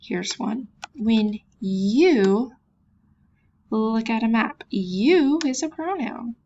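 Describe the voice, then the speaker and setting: A woman's voice: a little high, expressive, drawn-out words, a little mellow, muffled recording, a little hiss or hum. A woman teacher giving a virtual classroom lesson, patiently sounding words out and making chatty, self-deprecating asides. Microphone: computer mic.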